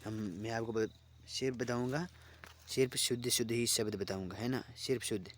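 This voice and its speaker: A man teaching an online exam-prep lesson, reading out word lists slowly and repeating phrases as he explains. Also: medium pitch, fairly even intonation.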